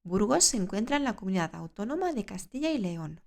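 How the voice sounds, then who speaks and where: Clear-spoken woman teaching Spanish. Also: medium pitch, big pitch swings, a little mellow. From Spain. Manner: clear, measured explaining, asks the listener questions. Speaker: Spanish teacher and podcast host. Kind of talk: scripted podcast lesson for learners.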